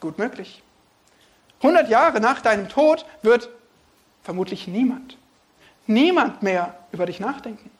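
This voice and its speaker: Expressive man preaching a sermon. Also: very high-pitched, a little slow, pauses often. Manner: expressive, swings between hushed and emphatic.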